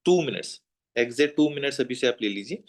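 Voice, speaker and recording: A man's voice: mid-range voice, quick pace. A man teaching a German lesson at a whiteboard, patiently repeating each sound and checking that students have written it down. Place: classroom with whiteboard.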